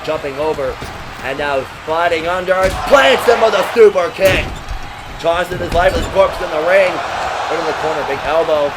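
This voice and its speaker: Man, wrestling commentator, fairly high voice, exclamatory move-by-move calls, very noisy recording. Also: normal speed. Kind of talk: excited play-by-play wrestling commentary. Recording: loud crowd and heavy arena noise. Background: noisy crowd.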